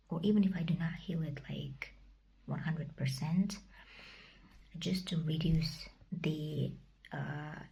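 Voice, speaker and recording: A young adult woman vlogger, whose first language is Kazakh, speaks in a soft, breathy whisper for a casual personal vlog. Her voice is low and the recording sounds muffled. She whispers hesitantly, searching for her words.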